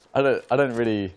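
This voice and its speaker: A man's voice: mid-range voice, slight background noise. A man commentating an esports match from a studio, bantering between plays with a laughing, self-mocking manner. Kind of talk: casual play-by-play commentary.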